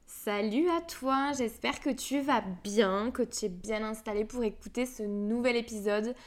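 Chatty young woman podcaster, highish voice. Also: measured pace, soft background music. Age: 20s. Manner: chatty and informal, with fillers and self-mocking asides. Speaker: podcast host, energy healer. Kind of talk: casual solo podcast talk.

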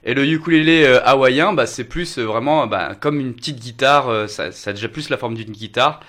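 A man's voice: medium pitch, fairly quick, fairly bright tone. A man co-hosting a music radio show, explaining things to listeners with fillers. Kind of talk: casual radio chat.

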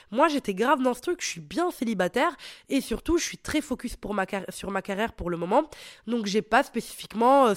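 Speaking into a headset mic with studio-quality sound and no room noise, a slightly sick young podcast host gives casual advice. Her voice leans high, and she's playful and blunt, cursing freely as she addresses listeners directly.

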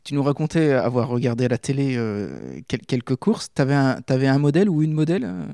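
A man interviewing a former athlete, asking measured questions. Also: medium pitch, very animated, gravelly, mellow, no echo, clean studio sound.

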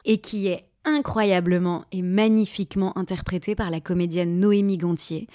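A woman's voice: fairly low pitch, mellow, no echo. Chatty woman podcast host, dry close mic. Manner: chatty and enthusiastic, sharing recommendations. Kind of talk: casual podcast monologue.

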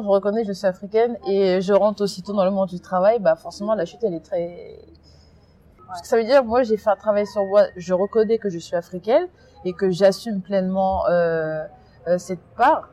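A woman from France being interviewed, talking in an emphatic, animated way with many restarts. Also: medium pitch. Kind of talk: casual interview.

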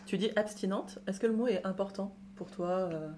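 A woman's voice: medium pitch, normal speed, a little mellow, slight background noise. A woman hosting a podcast interview in a chatty, conversational way, with fillers. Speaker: podcast host.

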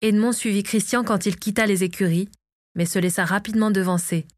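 A woman narrating a fantasy audiobook in a calm, measured storytelling manner. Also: medium pitch, dry recording, clean studio sound. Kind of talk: scripted narration of a fantasy novel.

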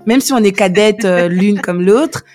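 A woman's voice: medium pitch, a little slow, a little mellow, faint music behind. A woman hosting a faith podcast, talking in a chatty interview style with frequent fillers and restarts. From Belgium. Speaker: podcast host. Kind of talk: warm conversational podcast interview.

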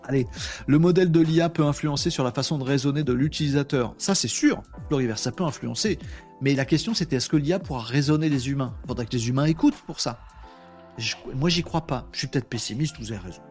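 A man's voice: mid-range voice, fast, darkish tone, faint music behind. A tired man, hosting a casual livestream and reading viewer comments aloud with playful asides. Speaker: livestream host reading chat. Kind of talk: casual live chat.

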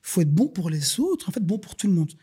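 Man, rapid, husky, dark-toned, earnest. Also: sits high, sing-song. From Belgium. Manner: earnest, preachy storytelling, addresses listeners as "les gars". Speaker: podcast guest, business owner. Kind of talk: casual podcast conversation.

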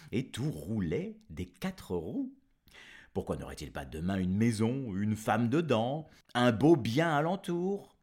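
Playful animated male storyteller. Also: mid-range voice. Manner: playful, animated, teasing asides. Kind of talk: storytelling to a child.

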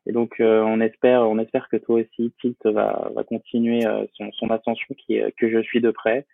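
A man's voice: on the low side, completely flat delivery, normal speed, creaky, no echo. Man on a tinny, dry phone-like line. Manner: hesitant, many fillers and restarts. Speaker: guest. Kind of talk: casual interview talk.

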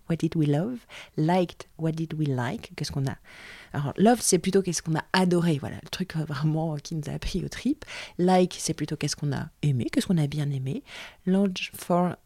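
A woman's voice: low voice, dark tone, no room sound. A woman in her forties hosting her own podcast, talking in a chatty, reflective way with many fillers and restarts. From France. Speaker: podcast host, training business owner. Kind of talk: casual solo podcast talk.

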